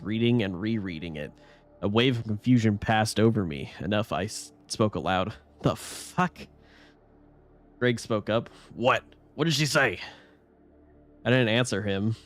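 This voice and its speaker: A man reads a horror story aloud on his live stream in a low voice. He keeps a casual tone and often trips over words and restarts his lines. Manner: casual reading with frequent stumbles and restarts.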